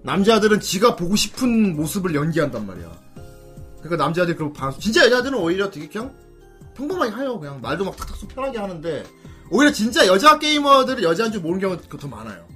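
A man's voice: high-pitched, fast. A man hosting a casual comedic chat, teasing his guests with lots of laughter. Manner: teasing, animated, breaks into laughter. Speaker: host. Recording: music playing behind.

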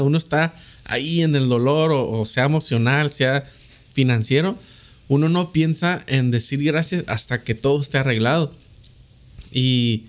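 A man hosting a casual chat who reads a Bible verse, hesitant, with frequent restarts. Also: mid-range voice. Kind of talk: casual chat with scripture reading.

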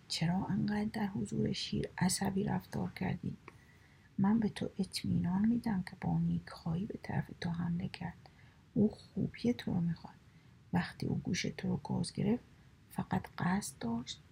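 Woman whispering a sly flattering fox. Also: mid-range voice, exaggerated voice, rough recording. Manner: coaxing, smooth-talking, whispered. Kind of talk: whispered story reading.

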